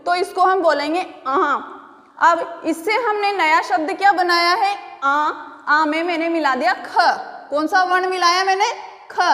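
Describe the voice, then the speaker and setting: A woman school teacher giving a recorded spelling lesson to children, going slowly and asking them questions again and again. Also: high voice, fairly bright tone, long reverb tail. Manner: slow, repeating call-and-response questions to pupils.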